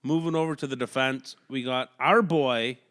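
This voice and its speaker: A man's voice: mid-range voice, steady tone, fairly bright tone, clear, resonant tone. A man co-hosting a casual hockey podcast at home, rattling off player stats and laughing often. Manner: reads stats in a quick list, breaks into laughs. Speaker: podcast co-host. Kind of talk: casual sports chat reading stats. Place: home room.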